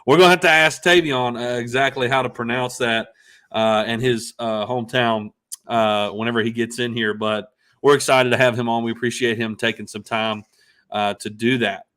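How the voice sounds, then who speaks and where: A man's voice: mid-range voice, steady tone, a bit bright, clean tone. A man hosting a live sports show, talking casually with frequent "uh"s and restarts. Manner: halting, many fillers and restarts. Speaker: podcast host. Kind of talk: casual live-stream chat.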